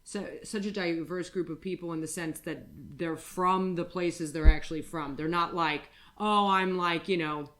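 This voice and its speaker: A woman's voice: lowish voice, fairly even intonation, normal speed, few pauses, a bit bright. A woman co-hosting a podcast, chatting casually with frank, crude storytelling, many fillers and restarts. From United States. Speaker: podcast co-host. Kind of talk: casual chat.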